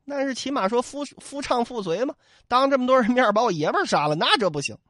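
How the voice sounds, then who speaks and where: A man's voice: extremely high pitch, fast, no room sound, studio quality. A man telling a classic tale in humorous traditional storytelling style, joking with the listener and acting out sound effects. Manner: lively and joking, with mock sound effects and asides.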